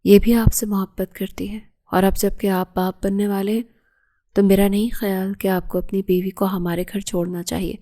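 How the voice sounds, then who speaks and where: An outspoken young woman defends her sister, voiced by a woman reading the novel. The tone is mellow and the pitch stays even. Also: lightly acted. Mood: earnest.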